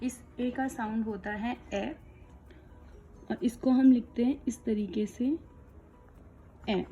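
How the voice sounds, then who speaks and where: A woman teaching young children letter sounds, explaining each one slowly and clearly. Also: fairly high pitch, fairly even intonation, dark tone, faint music behind. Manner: slow, clear, patient explaining. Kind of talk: kids' phonics lesson.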